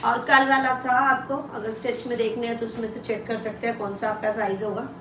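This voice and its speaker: Indian woman, live-shopping seller, high voice, unscripted Hindi-English patter, distant roomy sound. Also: little pitch movement, fairly quick, a bit bright. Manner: mixes Hindi with English phrases; repeats prices and details to push buyers. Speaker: live shopping presenter selling women's clothing. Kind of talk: live online sales pitch, casual and unscripted. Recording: roomy echo, distant mic, faint noise.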